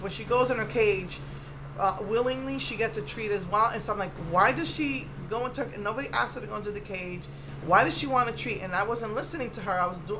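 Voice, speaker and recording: Emotionally drained woman venting over background noise. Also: mid-range voice. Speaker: vlogger giving a personal update. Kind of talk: casual, rambling personal update. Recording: clearly noisy ambient background.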